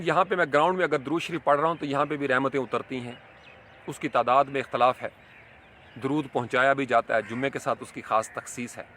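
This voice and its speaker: A man's voice: a little high, pushed and bright, slight background noise. A man giving a reflective religious lecture, explaining Quranic verses and mixing in English terms. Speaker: Islamic scholar.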